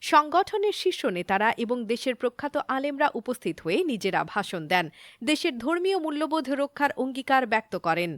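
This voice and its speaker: A woman presenting the evening news in a steady, formal newsreader delivery with a Bangladeshi Bengali accent. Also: fairly high pitch, no echo, studio quality. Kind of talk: scripted news reading.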